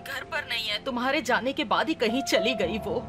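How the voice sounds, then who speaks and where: A woman playing a fretful high-voiced mother figure. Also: animated, normal speed, lightly acted. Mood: anxious. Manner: anxious, pleading. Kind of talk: dubbed TV drama. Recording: loud music under dialogue.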